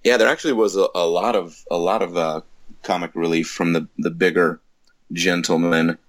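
Deep-voiced, dry-humored man. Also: fairly even intonation, normal speed, dry recording. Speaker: podcast co-host. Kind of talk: casual movie review chat.

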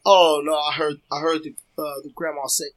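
A man's voice: fairly high pitch, normal speed. A man co-hosting a podcast in casual chat, telling a story animatedly and acting out the voices in it. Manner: animated, acts out voices in his stories. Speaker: podcast co-host.

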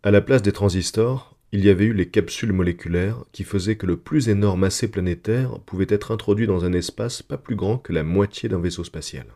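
A man narrating a story in a calm, measured literary reading. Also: on the low side.

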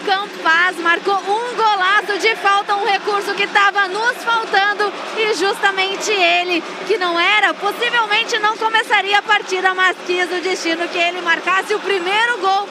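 A woman's voice: very high-pitched, fairly even intonation, normal speed, hardly any pauses. A woman recapping plays as a reporter on a live football broadcast. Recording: noisy stadium broadcast with crowd.

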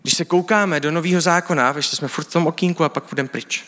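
A man's voice: on the high side, steady tone, fairly bright tone. A man giving a sermon, explaining things in a casual, teaching way with colloquial speech. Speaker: preacher. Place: church hall. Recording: church hall with long reverb.

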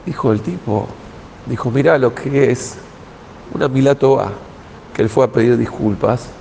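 A male rabbi with an Argentine Spanish accent gives a Torah talk, telling a story and acting out each line of the dialogue. His mid-range voice has a gravelly edge. A faint hiss sits behind him. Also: mid-range voice, moderate pace, in a large hall, low-quality recording. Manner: lively storyteller, acts out dialogue in quoted voices.

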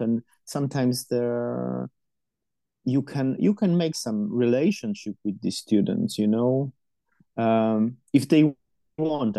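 This middle-aged man, a non-native English speaker, answers interview questions about supporting university students, using many fillers and restarts. His medium-pitched voice is mellow with some vocal fry, and there's no room sound.

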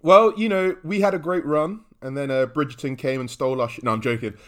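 A man's voice: fairly high pitch, fairly quick. A man chatting casually on a podcast, telling stories animatedly with lots of fillers and restarts. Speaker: podcast guest and regular, comedian.

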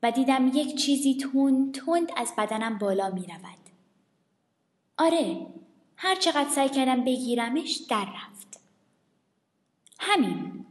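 A woman with a high, light voice reads a children's story aloud. She is lively and lends each character a voice of its own. The recording carries a long, roomy reverb, with faint music underneath. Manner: lively, shifts her voice for the characters. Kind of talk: expressive reading of a children's story.

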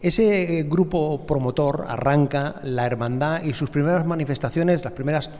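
A man's voice: a little high, normal speed, a little mellow. A man hosting a radio interview, asking courteous, formal questions and introducing his guests. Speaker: radio host. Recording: reverberant room.

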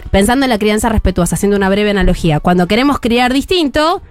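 A woman's voice: medium pitch, animated, fast talker, faint music behind. An Argentine woman, around her thirties, giving a chatty parenting column on radio with plenty of restarts and fillers. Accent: Argentine Spanish.

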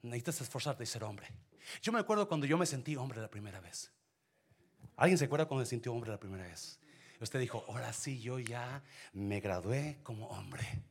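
A middle-aged male pastor preaching a sermon with animated delivery, mixing in English phrases. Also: mid-range voice, moderate pace, husky. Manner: animated preaching, switching between Spanish and English.

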